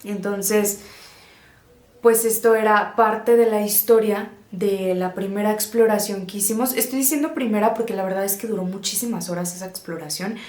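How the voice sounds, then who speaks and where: A woman's voice: mid-range voice, fairly even intonation, moderate pace, darkish tone, echoey room. A woman telling a story casually but dramatically as a vlog host, repeating words and phrases emphatically for suspense.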